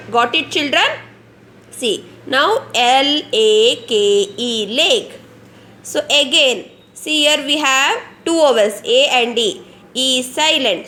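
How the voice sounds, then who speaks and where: A young woman with an Indian English accent teaching a phonics lesson online to small children, slow and repetitive, often asking questions and answering them herself. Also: high-pitched, fairly bright tone, slight background noise. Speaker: kindergarten teacher.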